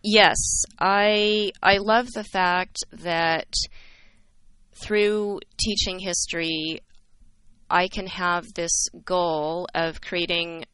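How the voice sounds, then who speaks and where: A woman from California speaks as a guest on an interview show. She talks slowly and earnestly, in a low-pitched but bright, crisp voice. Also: steady tone, no echo, low-quality recording. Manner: earnest, reflective. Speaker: history instructor, guest. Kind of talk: interview answers.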